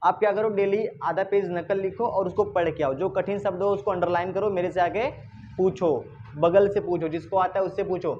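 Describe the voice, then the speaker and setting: A man teaching English pronunciation to a class, asking questions and repeating words slowly. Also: high-pitched, steady tone, dull audio, slight background noise. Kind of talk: classroom lesson.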